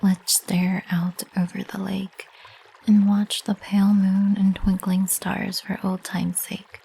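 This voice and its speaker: Woman acting a young succubus, whispered role-play, very breathy, slow, intimate, teasing, possessive ASMR sweetheart. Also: mid-range voice, flat delivery, heavily acted, poor audio. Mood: playful, coaxing. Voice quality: breathy, soft.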